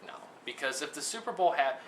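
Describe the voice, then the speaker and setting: A man's voice: on the high side, lively intonation, fast talker. A young man co-hosting a mock sports talk show, arguing and often restarting his sentences. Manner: argumentative, repeats himself when starting a point. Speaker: co-host. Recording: echoey room with faint hiss.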